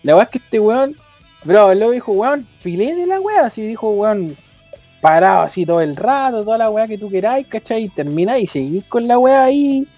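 A man's voice: high voice, animated, fairly quick, mellow, soft background music. A young man with a Chilean accent telling a rambling, slang-filled anecdote in casual chat. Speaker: storyteller.

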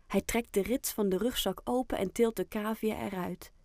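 A woman narrating a children's audiobook in a calm, clear storytelling manner. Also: mid-range voice, moderate pace, dry recording, clean studio sound.

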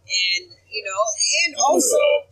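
Animated young woman co-hosting a podcast. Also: takes it slowly, slightly rough, poor audio. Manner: animated, many fillers, jumps high in pitch when stressing a point. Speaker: podcast co-host. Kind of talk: casual chat.

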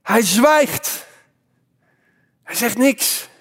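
Male pastor, high voice, impassioned sermon, swings from loud to hushed. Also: animated, very slow.

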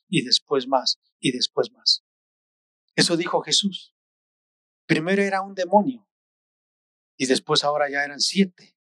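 A man's voice: fairly high pitch, fairly bright tone, dry recording, clean studio sound. A man preaching a sermon in an earnest, exhorting way, repeating phrases for weight.

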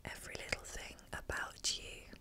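A woman giving an ASMR pep talk of affirmations in a breathy whisper close to the microphone, soothing and encouraging, with pauses. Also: sharp tone.

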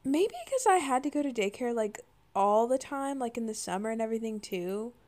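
A woman in her twenties with creaky vocal fry, a little tired, chatting casually and informally as a podcast co-host. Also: fairly high pitch, expressive, brisk, darkish tone. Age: 20s. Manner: informal, frequent "like" as filler. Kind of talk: casual chat and commentary.

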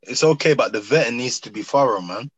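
A man's voice: medium pitch, expressive, fairly quick, dull audio, background noise. Slangy London roadman in conversation. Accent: London, urban street. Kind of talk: casual group discussion.

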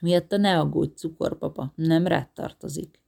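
A male doctor flirts and teases with easy cheek, as a narrator puts him on. His voice is creaky and gravelly. It is an audiobook reading. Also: a little high, steady tone, darkish tone. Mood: teasing. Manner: teasing, flirtatious.

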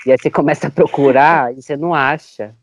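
A teenage boy co-hosting a podcast, telling lively stories in casual chat and acting out the voices of people in them. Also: a little high, quick pace. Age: teens. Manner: animated storyteller, acts out voices. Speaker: podcast co-host.

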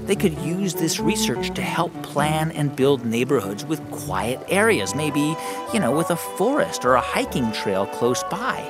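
A male children's science host in scripted explainer dialogue. He is reassuring and clear in his explanations, with an animated melody to his speech. Music plays prominently behind him. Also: fairly high pitch, unhurried.

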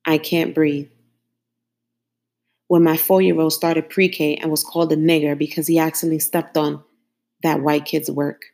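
A woman host in her thirties delivering a solemn spoken-word monologue, measured and grave, built around a repeated refrain. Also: deep voice, warm tone. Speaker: podcast host.

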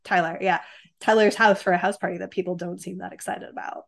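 A woman chatting casually about a film, animated and full of fillers. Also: fairly low pitch, quick pace, gravelly.

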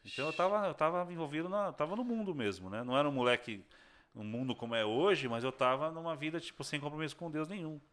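Speaking quickly in a fairly high voice, a young male guest recounts his conversion story during an informal conversation. He uses slang and energetically performs the voices of the people he describes.

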